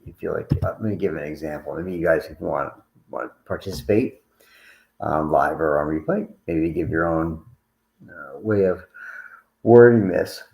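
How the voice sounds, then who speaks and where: A man's voice: extremely low pitch, moderate pace, vocal fry, echoey room, poor audio. A tired man talking casually to livestream viewers as a coach, rambling and restarting his sentences. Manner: rambling, conversational, frequent restarts. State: tired, yawning.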